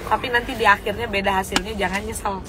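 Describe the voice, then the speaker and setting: A woman coaching her team in a casual talk, frank and animated, often asking her listeners rhetorical questions. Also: medium pitch, quick pace, noisy background.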